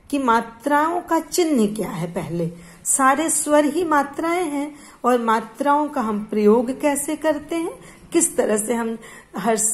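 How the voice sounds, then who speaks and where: A woman teaching a grammar lesson to schoolchildren, repeating points and asking questions that she then answers herself. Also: high-pitched. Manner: slow, repetitive, asks questions and answers them herself.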